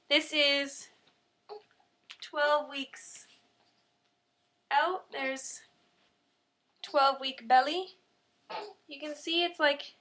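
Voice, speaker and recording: Chatty young woman, high voice. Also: bright, forceful tone. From Canada. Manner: chatty, filler-heavy, self-deprecating. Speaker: vlogger. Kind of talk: casual vlog chat.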